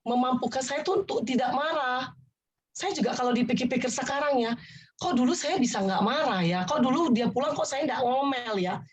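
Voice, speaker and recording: A woman's voice: high-pitched, brisk, poor audio. A woman sharing her personal testimony in an earnest, rambling conversational way, often restarting and addressing her listener politely. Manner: rambling, repeats herself and restarts.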